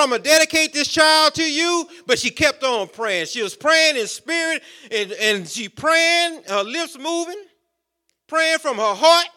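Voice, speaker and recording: Preacher, male, high bright voice, rhythmic repetitive delivery. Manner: rhythmic, repetitive preaching with call-outs to the congregation. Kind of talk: sermon.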